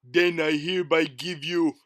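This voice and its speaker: A man's voice: fairly even intonation, normal speed, a bit bright, natural voice. A man doing a brash race announcer. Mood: showy. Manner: booming, showy announcing.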